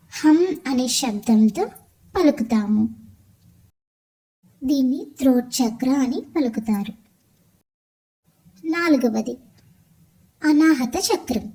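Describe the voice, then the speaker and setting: Slow, mellow-voiced woman teaching meditation. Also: fairly high pitch, breathy edge, rough recording. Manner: slow, measured, listing items one by one. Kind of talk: calm instructional explanation of chakras.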